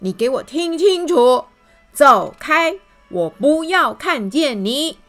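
A woman voicing a bad-tempered man in a children's storybook who huffs and shouts. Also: high voice, sing-song, slow, soft background music, voice pushed up, exaggerated voice. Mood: angry shouting. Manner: shouting, huffing "hmph".

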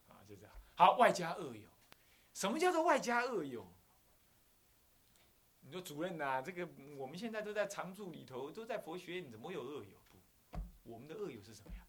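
A man with a Taiwanese Mandarin accent gives a Buddhist lecture in a fairly high, very lively voice. He acts out little scenes and chuckles often. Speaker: Buddhist abbot teaching.

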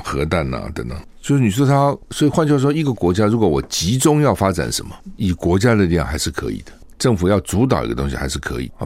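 Older man, Taiwanese Mandarin accent, radio host; deep voice, dry studio sound, chatty commentary with rhetorical questions. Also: a little mellow, no echo. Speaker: radio talk show host. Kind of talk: casual political commentary.

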